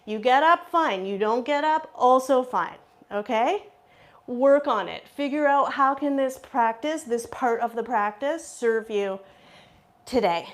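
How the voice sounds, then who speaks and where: Woman yoga instructor, a touch high, unhurried; short repeated cues and frequent "okay?" check-ins. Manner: cueing poses with short repeated commands. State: out of breath at times. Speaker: yoga teacher. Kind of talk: live yoga class instruction.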